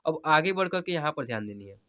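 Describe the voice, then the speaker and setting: A man leads a reading lesson, drawing out every syllable slowly before he says the whole word firmly. His voice sits a little high and rings bright and forward. He keeps checking that his listeners are following. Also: animated. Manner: slow drawn-out spelling of each syllable, then the full word said firmly; coaxing, checks in with "theek hai?". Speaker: Hindi reading teacher. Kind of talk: spoken lesson, spelling words syllable by syllable.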